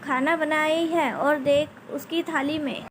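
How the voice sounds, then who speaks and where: Woman doing a bossy practical old mother-in-law, matter-of-fact, slow and high. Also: fairly even intonation, background noise.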